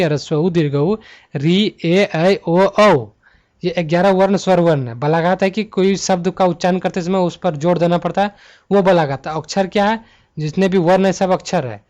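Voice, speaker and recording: A man teaching a Hindi grammar exam-prep lesson, talking students through multiple-choice answers and slowing down to list letters one by one. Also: high-pitched, darkish tone, muffled recording. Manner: slows to spell out letter lists one by one.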